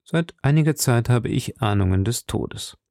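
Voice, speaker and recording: A man's voice: medium pitch, lively intonation, moderate pace, creaky, dark tone, no echo, studio quality. A man reading an audiobook, voicing a fatalistic, lovesick duke with earnest devotion.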